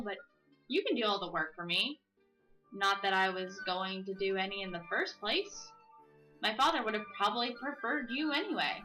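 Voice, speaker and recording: A woman with a bright, crisp voice reads a story game's narration and dialogue aloud. She cracks jokes between lines and stretches out key words for comic effect. Faint game music plays beneath her. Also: fairly high pitch, rough recording. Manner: playful, drawls dialogue slowly for comic emphasis. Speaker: let's play host. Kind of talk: reading a visual novel aloud with casual commentary.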